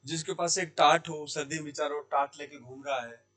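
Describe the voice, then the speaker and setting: Questioning Hindi grammar teacher, bit high. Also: male voice, fairly even intonation, pushed and bright. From India. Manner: asks questions then answers them himself, repeats key words slowly. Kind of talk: classroom lesson explaining sandhi. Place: Jaipur language institute.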